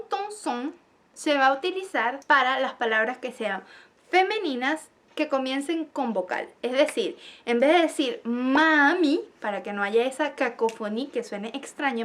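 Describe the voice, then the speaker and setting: A woman teaching a French grammar lesson on video, who slows down to spell out and repeat each example. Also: high-pitched, a little hiss or hum.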